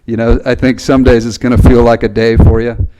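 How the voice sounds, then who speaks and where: A man speaking at a fire recruit graduation ceremony, earnest and a little halting, with fillers. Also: mid-range voice, flat delivery, mellow, poor audio. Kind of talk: ceremony speech. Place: ceremony hall. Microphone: podium mic.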